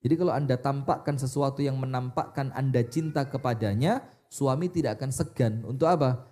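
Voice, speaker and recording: A man preaching a sermon, animated, asking the audience questions and answering them himself. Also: mid-range voice, fairly quick.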